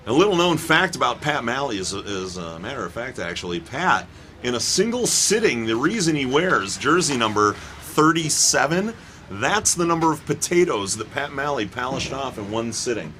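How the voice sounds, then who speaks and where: This amateur hockey commentary comes from a man in the rink booth who calls the play-by-play and teases players with good-natured jokes. He talks at normal speed in a bright, forceful, medium-pitched voice with big swings in pitch, over slight background noise.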